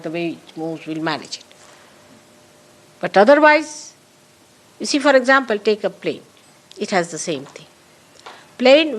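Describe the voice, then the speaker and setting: A woman teaching a gathering in a spoken talk with questions and answers. She stresses her points and repeats key phrases, speaking straight to her listeners. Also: mid-range voice. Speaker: spiritual teacher. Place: meeting hall with an audience.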